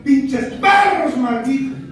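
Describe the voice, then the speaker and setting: A man's voice: very high-pitched, lively intonation, slow pace. A man with a Mexican accent, a sponsor giving a profane, scolding testimony to a rehab group. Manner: profane, scolding, half-shouting. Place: rehab group meeting room. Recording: echoey room from far off, noisy.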